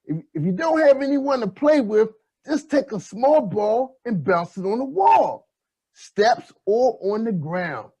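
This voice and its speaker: Very high, overbright puppet kids' host. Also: male voice, expressive, unhurried, a little mellow, poor audio. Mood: chatty, upbeat. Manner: overbright kids' party host, hyped and exclamatory. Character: excitable boyish male puppet kids' show host, jokey. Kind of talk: children's puppet show presenting.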